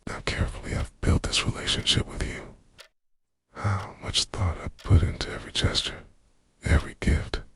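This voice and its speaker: An actor plays an obsessively devoted boyfriend in an intimate ASMR roleplay, his very low, husky voice close and dry with no echo. He speaks softly and confessionally, brooding and sometimes slipping into whispers, his pitch swinging lively as tenderness blends with menacing possessiveness in a heavily acted performance.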